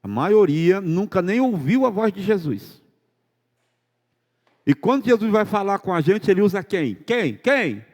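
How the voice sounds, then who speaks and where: A man's voice: sits high, expressive, unhurried, long pauses, darkish tone. A male pastor preaching a sermon in a church, firing rhetorical questions at the congregation. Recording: church sermon with long hall reverb.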